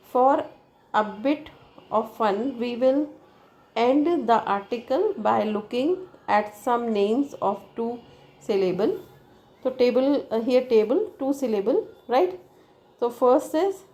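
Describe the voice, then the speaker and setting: A woman walks through a lesson at a very slow, deliberate pace. Her voice sits a little high, and she keeps checking in with her listeners as she reads. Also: mellow, low-quality recording. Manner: reads from text, checks with "right?" and "okay?". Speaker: English teacher. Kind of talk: bilingual lesson explaining slowly.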